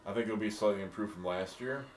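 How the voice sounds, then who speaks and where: A man in a casual discussion, thinking out loud in a relaxed way. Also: lowish voice, fast talker. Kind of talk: casual draft pick discussion. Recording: echoey room with faint hiss.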